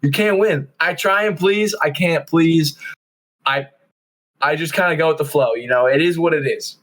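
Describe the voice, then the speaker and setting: A young man with a slightly high voice talks on a casual podcast. He tells his stories with energy and acts out the lines of the people in them, in a loose, conversational way. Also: normal speed, poor audio. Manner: animated storytelling, acting out quotes. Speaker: podcast co-host. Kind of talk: casual chat.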